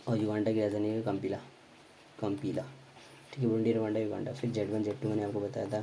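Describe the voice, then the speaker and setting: A man runs through a geography revision lesson at speed, repeating each name and stopping to fix his own slips. His voice is low and very dark, with little rise and fall. A faint hiss of noise sits behind him. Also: completely flat delivery, rough recording. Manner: quick, repetitive drilling with frequent self-corrections and fillers. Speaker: teacher.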